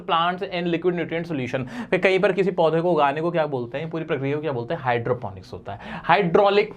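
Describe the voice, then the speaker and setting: A young man teaching vocabulary in a playful, chatty way, often asking his viewers questions. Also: a little high. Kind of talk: energetic exam-prep lesson.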